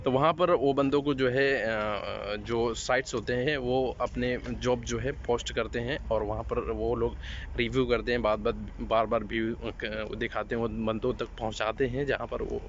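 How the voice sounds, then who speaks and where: A man's voice: medium pitch, fairly even intonation, moderate pace. Young male vlogger, hesitant casual delivery with fillers, phone mic outdoors, slightly muffled sound with faint traffic hum. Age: young adult. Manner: hesitant, many fillers and restarts. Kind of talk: casual talk to camera. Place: outdoors at night, parking lot. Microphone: phone camera, then selfie at arm's length.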